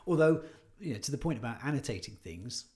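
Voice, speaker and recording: A man's voice: medium pitch, lively intonation, fast talker, a little mellow. A man in casual chat as a podcast co-host, telling anecdotes and agreeing often. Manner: anecdotal, agreeable, frequent "yeah" and "you know".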